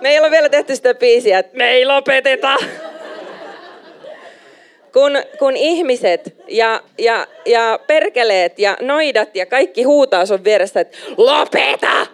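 Animated woman preaching a sermon. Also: on the high side, smooth. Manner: animated, emphatic, mixes in English phrases.

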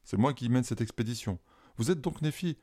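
A man's voice: mid-range voice, lively intonation, fairly quick, warm tone, close to an everyday voice. A man voicing a cautious, formal science professor leading an expedition. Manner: earnest, formal. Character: older male science professor, cautious leader.

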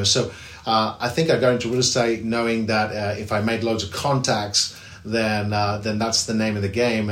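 In an echoey room, a man with a lowish, slightly bright voice chats through a podcast interview. He's a real estate agent from England with an English accent, and his answers are full of fillers and restarts.

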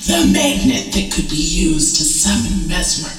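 A woman voicing a scheming, power-hungry demon that has possessed a woman's body, speaking in slow, grandiose declarations through an echo effect. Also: on the low side, very animated. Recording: echoey distant voice with music behind.

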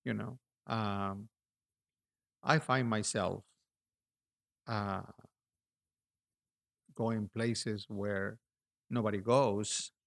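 A middle-aged artist with a Peruvian accent talks in a lowish, creaky voice. The interview is relaxed, and he comes across as reflective, halting, and prone to restarts.

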